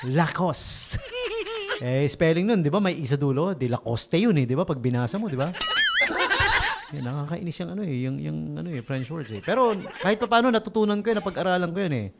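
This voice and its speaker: A man's voice: a little high, animated, fast, vocal fry, heavy background noise. A man with a Filipino accent hosting a casual radio show, joking and chuckling at his own puns. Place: radio studio.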